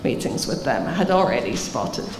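A woman's voice: a bass voice, very animated, moderate pace, background noise. A woman in her fifties answering audience questions at a conference panel table, earnest and explanatory. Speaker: keynote speaker answering questions. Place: large conference hall, seated at panel table. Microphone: table microphone. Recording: reverberant hall, faint ambience.

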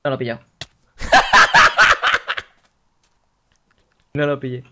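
A man's voice: on the high side, fast talker. A young man from casually chatting while playing Minecraft, giving short replies and signing off the video. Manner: relaxed, short replies, playful outro. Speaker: gaming co-host. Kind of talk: casual Minecraft let's play chat.

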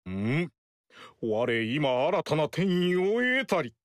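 Voicing Zhang Jiao for a game, an actor gives a fairly high, very animated performance as a pompous sorcerer-priest who slowly and solemnly proclaims heaven's will in old-fashioned wording. The studio recording is clean, with no room sound.

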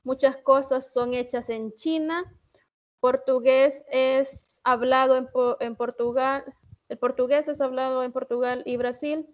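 A Salvadoran woman teaches English online in a bright, high voice. She speaks slowly and deliberately and sounds out each example. The audio is dull and lo-fi, like a video call. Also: fairly even intonation. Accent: Salvadoran Spanish. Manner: slow, deliberate, reads English examples carefully. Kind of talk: online class explanation. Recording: muffled online-class audio.

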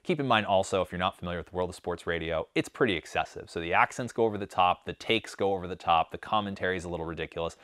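Low-voiced man explaining his research. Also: very fast, few pauses, a bit bright, no echo, studio quality. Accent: slight Northeast US. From Northeastern United States. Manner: conversational and explanatory, with frequent "uh" fillers. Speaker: communication professor presenting research. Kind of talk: academic presentation.

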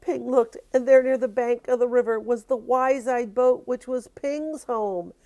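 An older woman, a grandmother, reading a picture book aloud with expressive, drawn-out storytelling. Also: on the high side.

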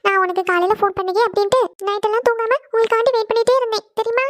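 A woman voicing a squeaky pouty young bride. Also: dry recording, clean studio sound. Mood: sulking. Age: young adult. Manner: quick, high and pouty. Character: spoiled young bride from a rich family. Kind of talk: cartoon voice acting.

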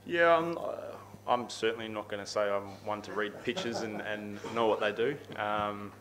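A man in his thirties with an Australian accent, answering questions at a post-match press conference, steady and repeating words as he thinks. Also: lowish voice, moderate pace, a crowd in the background, poor audio. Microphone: table microphone.

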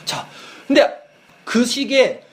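A man preaching a youth sermon, retelling a film as a lively story and acting out the quoted lines. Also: extremely high pitch, takes it slowly. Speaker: youth pastor. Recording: echoey church hall.

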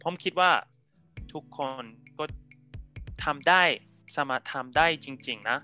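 Bright-voiced young Australian man, halting phrases. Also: medium pitch, faint music behind. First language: English. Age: young adult. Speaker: interview guest, YouTuber. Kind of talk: casual chat. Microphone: headset on a video call.

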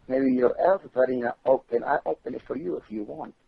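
Phone prank target: a man, husky voice, clipped broken English, heavy swearing, muffled phone sound. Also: mid-range voice, lively intonation, fast, dry recording. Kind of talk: phone call. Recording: dull phone line.

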